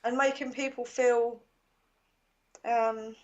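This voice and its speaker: A woman's voice: fairly high pitch, flat delivery, slow, highs cut off. A woman co-hosting a live chat show, chatty and indignant, with hesitant fillers. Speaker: co-host.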